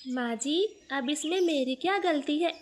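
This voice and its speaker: A woman voicing a gentle young female sparrow daughter-in-law in a storybook cartoon, speaking softly and patiently. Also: high-pitched, measured pace, a little hiss or hum. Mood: meek. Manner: soft, meek, patient.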